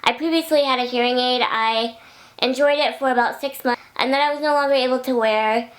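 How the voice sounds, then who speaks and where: A woman's voice: high-pitched, brisk. A young adult woman vlogging casually, chatty and rambling, often losing her thread and backtracking. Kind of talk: casual vlog talking to camera.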